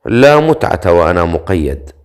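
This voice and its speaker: A broken, hollow-voiced prisoner in a dark fantasy audiobook, speaking quietly and low, as the male narrator puts him on. The deep tone is flat and grim. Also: normal speed, clear, resonant tone.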